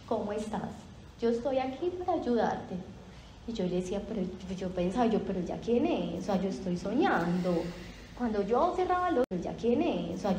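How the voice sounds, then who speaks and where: A woman's voice: on the high side, darkish tone. Woman testifying in a roomy hall. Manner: halting, repeats phrases, many fillers. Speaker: testimony speaker at a Bible study group. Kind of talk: emotional personal testimony. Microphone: handheld microphone. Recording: roomy hall with faint background noise.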